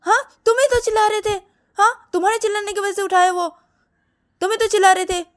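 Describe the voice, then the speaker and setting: A defiant young woman who talks back loudly and indignantly, tossing every question back at her opponent, as a woman storyteller puts her on. Her pitch is raised high and she stays at full volume. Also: fairly even intonation, quick pace.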